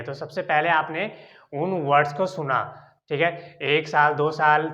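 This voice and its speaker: A man's voice: on the high side, fairly bright tone, dull audio. A man with an Indian accent teaching an English lesson, explaining step by step and often checking in with "ठीक है". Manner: repeats "ठीक है" often as a filler.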